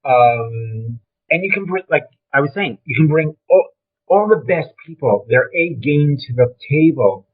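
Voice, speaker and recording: A man's voice: a little high, animated, a little slow. Older Brooklyn man on a phone-like line. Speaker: interview guest, film trailer and design veteran. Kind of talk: conversational career reminiscence. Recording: thin, phone-like call audio.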